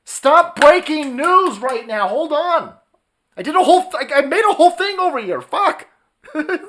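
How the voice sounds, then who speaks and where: Profane ranting man with a lively voice. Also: very high-pitched, moderate pace. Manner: profane, mocking, laughs often. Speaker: live streamer. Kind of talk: ranting live-stream commentary.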